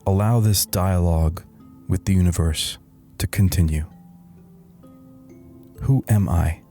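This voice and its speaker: A low-pitched man plays a weary, wry middle-aged slacker turned meditation guru, leading a satirical guided meditation. His tone is wry and reflective yet soothingly deadpan, marked by deliberate pauses, over soft background music.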